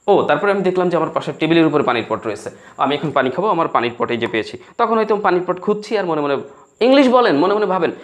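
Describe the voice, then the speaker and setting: A man's voice: fairly high pitch, big pitch swings, fast talker. A Bengali-speaking man teaching spoken English, explaining in Bengali and acting out broken English phrases.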